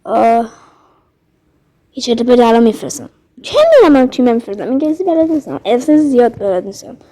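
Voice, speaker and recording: A woman's voice: fairly high pitch, sing-song, warm tone. A woman giving casual, chatty commentary while playing an online game, thinking aloud and speaking to her viewers. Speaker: gaming vlogger.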